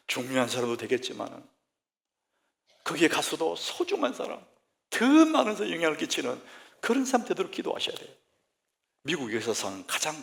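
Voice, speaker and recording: A male senior pastor delivers a sermon in a church sanctuary. His pitch ranges widely and his voice has a gravelly texture, moving from hushed whispers to fervent exclamations. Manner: emotive, swings between loud exclamations and hushed whispers.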